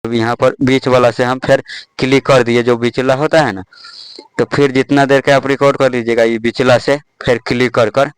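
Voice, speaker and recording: A man's voice: mid-range voice, level tone, moderate pace, clear, resonant tone, no room sound, poor audio. A young man casually walking viewers through an app, step by step, with lots of "dekhiye" and "thik hai". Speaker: tech tutorial host. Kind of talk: casual screen-recorded app tutorial.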